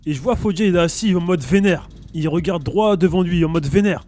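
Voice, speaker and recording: A man's voice: high-pitched, a little fast. A man telling a funny story to friends in a casual chat, acting out the people in it. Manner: lively, acts out quoted lines.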